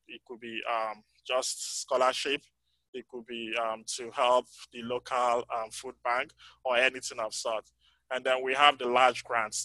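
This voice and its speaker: Halting man speaking at a conference panel. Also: medium pitch, bright, forceful tone, no room sound, rough recording. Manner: halting, many ums, voice fading in and out. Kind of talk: conference breakout talk. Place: conference breakout room.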